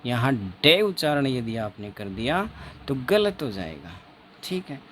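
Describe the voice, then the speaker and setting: Guy teaching exam phonetics, super slow, repeats every word, asks the viewers questions, faint hum behind. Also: mid-range voice, big pitch swings, fairly bright tone. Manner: slow, repeats words over and over, quizzes the viewer. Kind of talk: exam-prep phonetics lesson.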